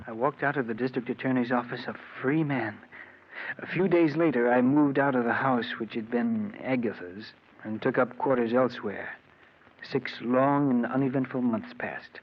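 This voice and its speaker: In an old 1940s radio drama, a man acts as narrator and lead, a soft-spoken murderer justifying himself in a reflective, confessional tone. He is measured, polite, and earnest, lightly acted, with a mid-range voice. The recording is dull and noisy.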